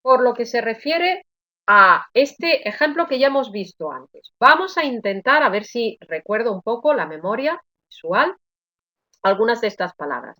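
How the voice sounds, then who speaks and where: A woman giving an online grammar lesson, sounding out words slowly and explaining with frequent checks like "¿eh?". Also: fairly high pitch, big pitch swings, pushed and bright, no echo. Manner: slow, careful word-by-word pronunciation drills; explanatory, addresses students with frequent "¿eh?". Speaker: Spanish teacher.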